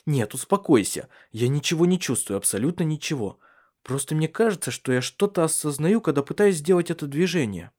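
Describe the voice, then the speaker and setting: Male reader doing a curt, wry bedridden husband; plain voice, expressive swings. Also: fairly high pitch, a little fast, pitched above the performer's own voice. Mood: dry. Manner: dry, curt, teasing. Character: wry, stubborn paralyzed husband. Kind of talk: audiobook character reading.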